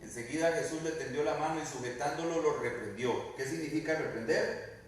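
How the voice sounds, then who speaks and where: A man's voice: a little high, fairly quick, slight background noise. A male pastor preaches a sermon, asking the congregation questions and acting out quoted lines. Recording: very echoey room, mic at a distance.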